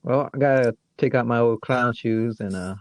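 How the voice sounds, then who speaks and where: A man from Michigan, United States, with a Great Lakes American accent co-hosts a podcast, chatting in a goofy, rambling, joking way. His voice is mid-range at a normal speed. The recording has no room sound and clean studio sound.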